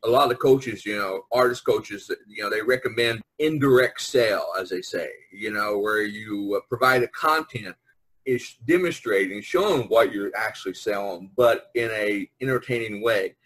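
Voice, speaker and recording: Here the same kind of speaker, an American podcast host and visual artist, chats casually on a video call, talkative and jokey, prodding others to keep going. His voice sits lowish at a normal pace, a bit bright with a breathy edge. The video-conference recording is low quality.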